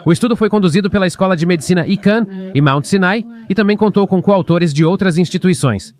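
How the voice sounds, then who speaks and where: A man's voice: high-pitched, quick pace, darkish tone. Sarcastic man commenting over clips. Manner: sarcastic, mocking.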